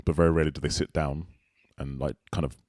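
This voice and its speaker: A young man hosting a casual chat, asking quick, jokey, teasing questions. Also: extremely low pitch, steady tone, a little mellow, no echo, studio quality. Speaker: host.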